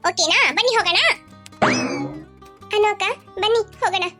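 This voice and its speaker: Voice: very high-pitched, normal speed, bright, forceful tone. A performer voicing an upbeat cartoon girl comforting her crying sisters in a forest. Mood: encouraging. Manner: encouraging, chirpy. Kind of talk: cartoon voice acting. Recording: music playing behind.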